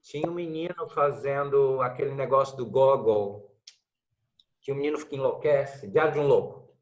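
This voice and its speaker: A man's voice: mid-range voice, normal speed, echoey room, muffled recording. A man with a Brazilian Portuguese accent in an acting class, asking questions and telling stories. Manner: questioning, anecdotal. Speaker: acting student. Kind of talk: class discussion.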